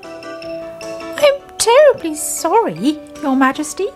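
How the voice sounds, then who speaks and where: A woman's voice: very high-pitched, big pitch swings, takes it slowly, a little mellow, soft background music, pitched above the performer's own voice, heavily acted. A woman voicing a flustered male fiddler who apologises and protests. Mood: apologetic.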